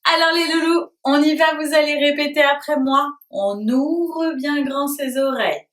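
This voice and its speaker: A woman teaching a lesson to small children at home, asking simple questions in a slow, sing-song voice and praising their answers. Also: high voice, fairly bright tone, recorded from a distance. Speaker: preschool teacher. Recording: roomy echo, voice a little off-mic.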